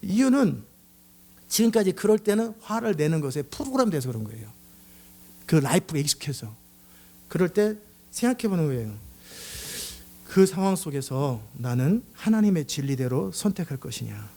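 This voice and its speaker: A man's voice: a little high, moderate pace, vocal fry. A middle-aged male pastor preaching a sermon, acting out angry outbursts and jokes as he goes. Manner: animated, acts out angry outbursts and shouts.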